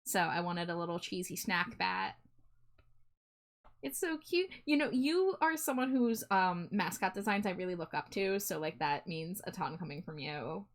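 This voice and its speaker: A woman's voice: lowish voice, lively intonation, moderate pace, hardly any pauses. A woman art streamer chatting casually to viewers on a livestream in a cute, friendly, appreciative manner.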